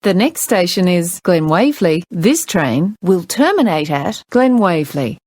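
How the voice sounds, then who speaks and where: An Australian woman giving formal, pre-recorded train announcements in measured, separate phrases, with words and station names sounding spliced together. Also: fairly low pitch, sing-song, a little mellow, no room sound, studio quality.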